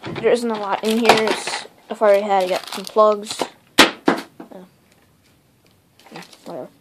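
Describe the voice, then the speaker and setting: A woman giving a casual, rambling tour of her home electronics workshop, talking quickly and interrupting herself as she films with a handheld phone. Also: mid-range voice, fairly even intonation, heavy background noise. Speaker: electronics hobbyist vlogger. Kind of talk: casual unscripted shop tour. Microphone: handheld phone camera.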